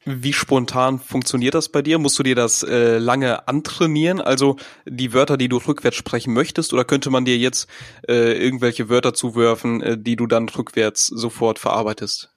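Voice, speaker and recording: A man's voice: medium pitch, steady tone, normal speed, no room sound, clean studio sound. A man hosting a podcast, asking questions in a casual, hesitant way with many fillers. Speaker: podcast host.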